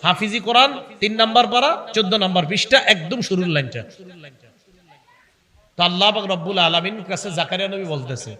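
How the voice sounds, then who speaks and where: A young man preaching an Islamic waz sermon, switching between animated explanation and slow chanted Quran recitation. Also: sits high. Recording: long hall reverb.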